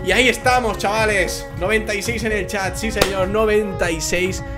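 Excitable Spanish man, slightly hoarse. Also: high-pitched, normal speed. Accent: Spain Spanish. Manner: excitable, swings into shouting and laughing. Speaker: gaming YouTuber. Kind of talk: casual gameplay commentary. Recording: music playing underneath.

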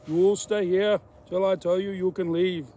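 A man putting on the big, booming voice of a huge, gruff giant of a co-worker who barks short commands. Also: little pitch movement, unhurried, dark tone, a little hiss or hum, natural voice. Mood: commanding. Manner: booming, barked orders.

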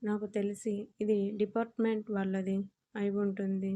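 A woman's voice: mid-range voice, level tone, moderate pace, dark tone, close to an everyday voice. A woman voicing a playful young man who teases his girlfriend in an audio story, her speech bantering and affectionate. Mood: teasing. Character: teasing playful young man, college-aged lover. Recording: dull lo-fi audio.

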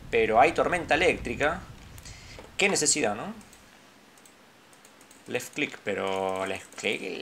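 Rioplatense let's-play gamer on a headset, middle pitch, chatty, muttering, jumpy, with faint hiss. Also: a bit bright. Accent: Rioplatense Spanish. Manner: chatty, drops to low mutters, startled outbursts.

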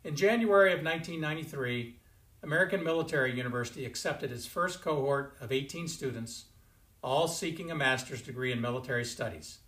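A man in his sixties, a university president giving a formal commencement address from a home study, in a measured, stately delivery. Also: medium pitch, fairly bright tone. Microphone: fixed camera, chest-up framing. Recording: roomy indoor echo.

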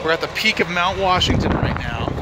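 A man's voice: sits high, lively intonation, brisk. A father chatting enthusiastically as he films his family's ride on an open mountain train. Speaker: father filming a family trip. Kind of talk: casual vlog narration. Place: open-sided mountain train car, outdoors. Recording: loud train and wind noise.

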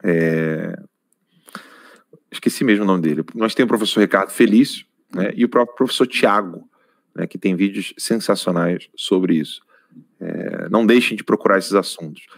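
A man's voice: deep voice, expressive, normal speed, gravelly, no echo, studio quality. A Brazilian man hosting a live-stream talk show, emphatic and urging his viewers, often correcting himself. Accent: Brazilian Portuguese. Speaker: host.

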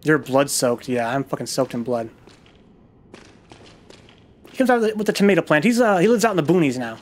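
A man talks over his gameplay in a loose, rambling way, swearing freely and poking fun at himself as the story wanders along. His voice sits a little high for a man. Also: big pitch swings, fairly quick. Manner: rambling, profane, self-deprecating storytelling. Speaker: gaming video host. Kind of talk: casual gameplay commentary with storytelling.

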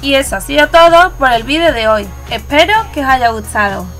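A woman's voice: high-pitched, lively intonation, brisk, a bit bright. A woman from Spain with a Spanish accent, hosting her nail art channel and narrating a step-by-step tutorial in a chatty, instructive way. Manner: instructive, chatty, self-correcting. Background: faint background music.

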